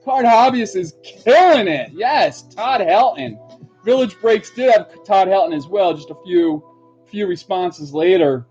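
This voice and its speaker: A man's voice: high-pitched, expressive, a little slow, a little mellow, husky. A man hosting a livestream trivia show, chatting casually, laughing often and reading out viewers' comments. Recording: dull lo-fi stream audio with faint music.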